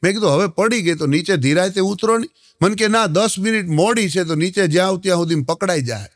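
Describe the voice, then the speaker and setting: High-voiced comedian. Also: male voice, expressive, a little fast. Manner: folksy storytelling, addresses the audience as sahib, acts out both sides of dialogues. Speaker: stand-up comedian. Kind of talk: Gujarati stand-up joke telling.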